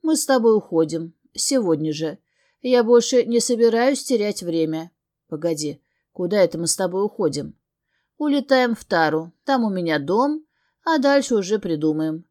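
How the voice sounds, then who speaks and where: A woman reading the lines of a possessive immortal male suitor, calm, smug and insistent. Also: mid-range voice, normal speed, natural voice.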